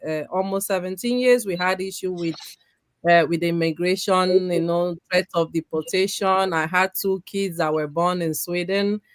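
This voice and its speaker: A woman's voice: on the low side, dry recording. A woman giving an earnest, tearful personal testimony, often breaking off and restarting her sentences. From Nigeria. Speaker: community member giving a testimony.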